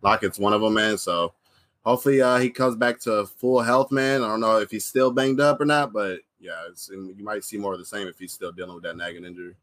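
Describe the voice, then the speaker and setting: A man co-hosting a fantasy football podcast in relaxed, slangy casual chat, peppering his talk with "bro" and "man". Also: on the low side, brisk, no echo.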